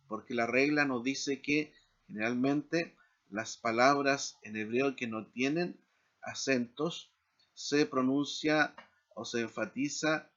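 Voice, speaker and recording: A man teaching a seminary Hebrew lesson in a slow, deliberate lecture style, checking in with short tag questions. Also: medium pitch, a bit bright, lo-fi sound. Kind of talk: recorded lecture.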